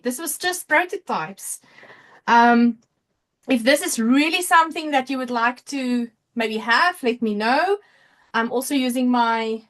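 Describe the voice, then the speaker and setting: A woman's voice: on the high side, fairly bright tone. A South African woman hosting a casual livestream, chatty and thinking aloud as she reads out viewer comments. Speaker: livestream host and crafter. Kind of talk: casual live chat, reading out viewer comments.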